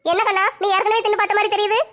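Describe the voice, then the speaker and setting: A woman's voice: very high voice, level tone, rapid-fire, a bit bright. A woman playing a coaxing mother urging her child to come home at once. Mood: urgent. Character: wheedling mother on the phone.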